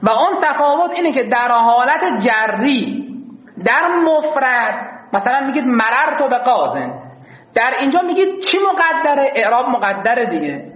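A man with a very high, lively voice gives a grammar lecture to a class, asking questions and answering them himself. He speaks in formal, courteous phrases and repeats his key points. The recording is dull and lo-fi, with a roomy echo. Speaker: teacher.

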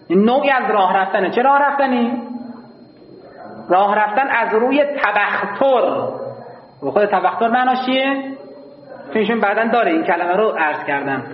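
A man teaching a grammar class, explaining patiently to his students and slowly chanting lines of classical verse. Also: sits high, reverberant, big-room sound, muffled recording. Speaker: seminary teacher of Arabic grammar. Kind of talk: classroom lecture.

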